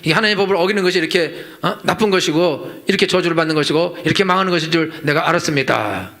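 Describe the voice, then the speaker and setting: A man's voice: on the high side, very fast, fairly bright tone. A middle-aged man preaching a Sunday sermon as senior pastor in a church, emphatic and rhetorical, repeating his points and acting out the complaints of his listeners. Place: church sanctuary.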